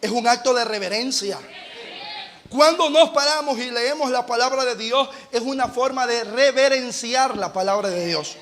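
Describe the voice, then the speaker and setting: Pastor guy preaching, real high pitched voice, bright and sharp, gets shouty. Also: moderate pace, a little hiss or hum. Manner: preaching with rising shouts and acted everyday scenes. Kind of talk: sermon. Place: church.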